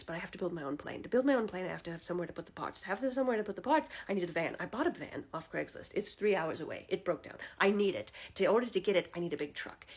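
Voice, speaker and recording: A woman doing a giddy, hushed oddball neighbor man. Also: mid-range voice. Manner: hushed, breathy and halting. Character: giddy, odd grown man neighbor, eager.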